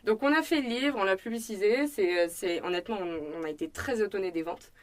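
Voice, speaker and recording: Appearing as a student guest in a casual interview, a young French-accented restaurant owner recounts her story. Her medium-pitched voice moves at a fairly quick pace, chatty and filler-heavy, as she acts out snippets of dialogue.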